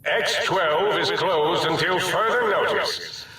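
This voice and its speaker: An actor playing a male facility announcer speaking over a PA loudspeaker in a video game, with a flat, official delivery. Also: on the high side, slow pace, a little hiss or hum. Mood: announcing. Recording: echoey distant loudspeaker in a game.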